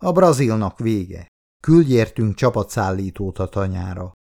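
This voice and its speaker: A man's voice: fairly low pitch, animated, vocal fry, dark tone. A man reading the lines of a tough commando colonel who barks curt orders. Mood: commanding.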